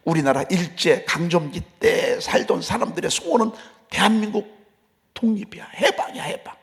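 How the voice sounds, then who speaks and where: A man preaching an early-morning sermon in a church, impassioned, moving between loud cries and hushed whispers. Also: sits high, animated, normal speed. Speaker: pastor. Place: church sanctuary.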